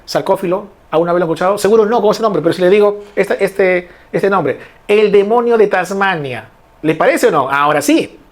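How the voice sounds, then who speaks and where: A man gives an online lesson in a fairly high voice. He explains step by step and repeats his key words. He keeps turning to the students with short questions. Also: a little fast. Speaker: teacher. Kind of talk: online class lecture.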